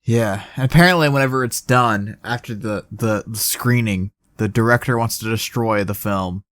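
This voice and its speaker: A young man co-hosting a casual podcast, chatting and acting out movie quotes with lively energy. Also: fairly low pitch, normal speed, no echo, studio quality. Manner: animated, acts out movie quotes. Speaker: podcast co-host. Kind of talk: casual chat.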